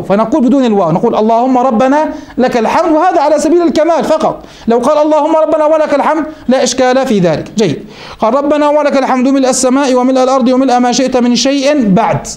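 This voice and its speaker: A man's voice: very high-pitched, a little mellow. A man teaching a class on Islamic jurisprudence. He explains each step and asks his students questions, then answers them himself. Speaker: sheikh teaching Hanbali jurisprudence. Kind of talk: classroom lesson on a legal text.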